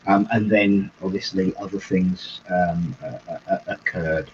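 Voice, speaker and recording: His voice is low and his intonation fairly even as he co-hosts the livestream as a reverend, easygoing and chuckling often, with drawn-out delivery. The video-call recording is dull and lo-fi, with a little hiss or hum.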